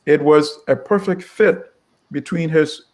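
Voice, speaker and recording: A middle-aged Ugandan publisher with a fairly high voice tells his story in an interview. His delivery is measured and wry, and he often restarts his sentences.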